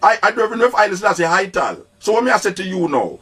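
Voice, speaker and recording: A man's voice: high-pitched, big pitch swings, very fast, fairly bright tone. A Jamaican man hosting a call-in radio talk, who cuts in repeatedly to make his point. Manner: insistent, cuts in with repeated "wait, no".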